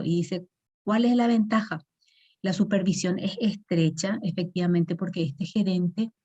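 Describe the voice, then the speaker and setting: A woman's voice: mid-range voice, dark tone, muffled recording. A woman teaching an online management class, explaining patiently and checking in with frequent tag questions.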